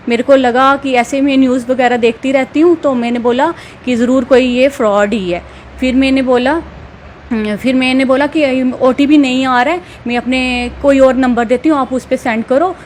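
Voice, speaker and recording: A woman's voice: fairly high pitch, slight background noise. A woman, a parent telling a reporter about a call she got, in a plain conversational way. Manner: plain conversational retelling, quotes dialogue. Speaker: interviewee, parent. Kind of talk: recounting an experience. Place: home, with light background noise.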